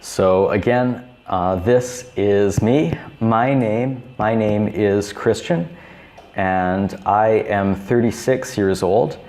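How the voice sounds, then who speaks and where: A man in his thirties teaching beginner English, repeating each simple phrase slowly and clearly. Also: lowish voice, a little mellow. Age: 30s. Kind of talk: slow, repetitive teaching for beginners.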